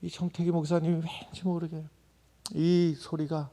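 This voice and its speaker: A male pastor preaching a sermon, telling a story with loud exclamations and quiet asides. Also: normal speed. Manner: animated storytelling, swings between loud exclamations and low asides.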